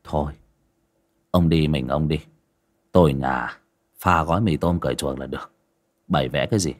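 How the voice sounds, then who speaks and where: A man voicing a tired, stern young male exorcist who grumbles. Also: normal speed. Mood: weary. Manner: tired, grumbling, low-key.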